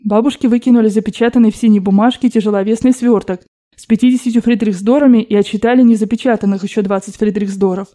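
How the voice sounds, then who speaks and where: A woman narrating an audiobook in a steady, expressive reading voice. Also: medium pitch, fast.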